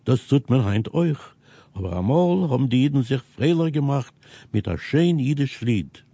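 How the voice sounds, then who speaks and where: A man presenting a scripted radio news program, reading items in a steady, measured way. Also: mid-range voice, husky, no room sound. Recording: dull, lo-fi radio recording.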